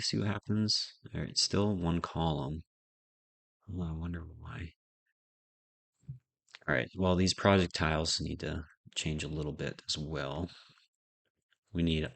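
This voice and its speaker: A man with a very low, gravelly voice talks through a coding tutorial as he types. He thinks aloud and mutters to himself. The sound is dry and close, with no room around it. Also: a bit bright, no echo. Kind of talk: casual live coding narration.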